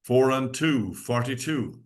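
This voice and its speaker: Irish male bingo caller and host, medium pitch, measured delivery of numbers and announcements. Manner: measured, repeats each number in digits then in full.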